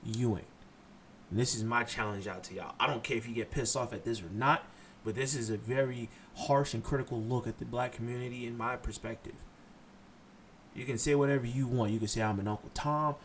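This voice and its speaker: A man's voice: medium pitch, steady tone, a little fast, a little hiss or hum. A man from Haiti hosting a solo podcast, blunt and impassioned, cursing freely as he lectures his listeners. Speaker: podcast host.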